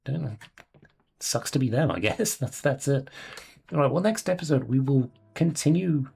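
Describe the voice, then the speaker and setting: Gravelly man commenting on gameplay. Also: mid-range voice, normal speed, a little mellow. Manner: mutters item names, swears, chuckles often. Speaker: let's play host.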